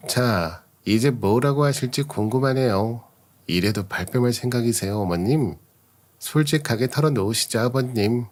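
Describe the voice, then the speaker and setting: A man's voice: mid-range voice, moderate pace, darkish tone, natural voice. A man voicing a betrayed young wife who confronts her husband with cold sarcasm. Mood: scornful.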